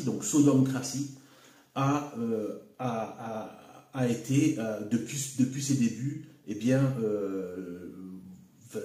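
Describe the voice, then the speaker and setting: A man giving an unscripted solo video monologue, halting and repeating words, with frequent fillers like "hein" and "voilà". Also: medium pitch, mellow. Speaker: video commentator. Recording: echoey room.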